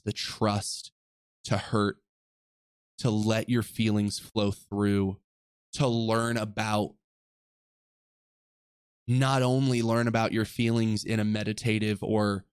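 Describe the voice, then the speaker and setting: A young adult man from the western United States hosts a reflective solo podcast, rambling earnestly and often correcting himself mid-sentence. His voice sits on the low side, and the studio-quality recording is clean with no echo.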